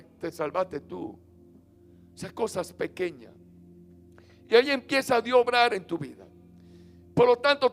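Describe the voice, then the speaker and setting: A man preaching a sermon as pastor, leading call-and-response and swinging from loud chanted lines to soft low ones. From Dominican Republic. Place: church sanctuary. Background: faint instrument music.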